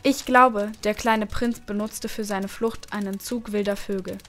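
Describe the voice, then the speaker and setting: A woman narrating a story calmly and gently. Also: mid-range voice, a little slow. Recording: music playing underneath.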